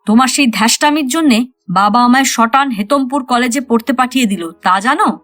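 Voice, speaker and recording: Woman playing an angry older man, blustering, indignant, shouting, dry close sound. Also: on the high side, moderate pace, dry recording, soft background music, close to an everyday voice.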